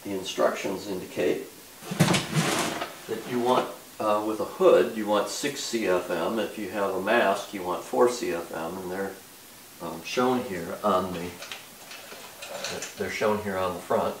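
An older man giving a casual, halting hands-on product demo in a workshop, with plenty of fillers as he explains each part. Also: deep voice. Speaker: DIY car restoration vlogger. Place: large bare-walled workshop indoors. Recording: echoey workshop, distant mic, faint noise.

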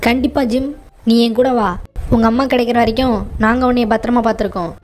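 A woman voicing a cheeky, excitable cartoon little boy in a game video, talking in a bubbly, teasing way. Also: on the high side, fast, lightly acted. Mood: reassuring.

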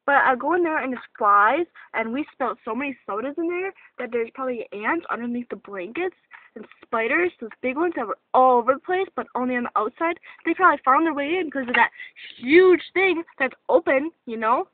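High-voiced woman rambling in a tinny recording. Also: lively intonation, a little fast, no echo. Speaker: vlogger. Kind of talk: rambling casual vlog. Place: parked car.

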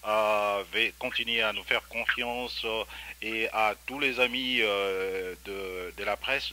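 Halting Congolese man hosting an interview. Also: on the low side, bright, forceful tone, slight background noise. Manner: halting, many filler sounds and restarts. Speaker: radio host and teacher. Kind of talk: radio interview.

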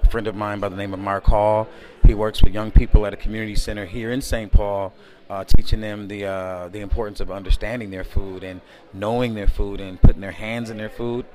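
A man answering interview questions in a relaxed, rambling way, full of fillers, recorded close to a camera indoors at a community event. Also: on the low side, fairly quick, noisy background. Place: indoor event space by a window at night.

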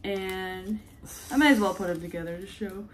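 A woman's voice: medium pitch, moderate pace, a little hiss or hum. A young woman chatting casually as a travel vlogger, giggly and full of fillers, unboxing toys in a hotel room. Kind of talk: casual chat.

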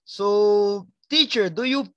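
A woman with a Brazilian Portuguese accent, teaching an online English class, switching between Portuguese and slowly spoken English examples. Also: medium pitch, dry recording, dull audio. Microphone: online class headset or computer mic.

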